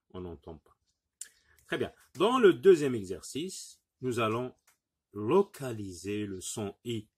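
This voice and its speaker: Slow, husky-voiced man teaching phonics. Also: mid-range voice, a little mellow. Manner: repeats words slowly, syllable by syllable; patient, encouraging, addresses pupils directly. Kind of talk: phonics lesson for young pupils.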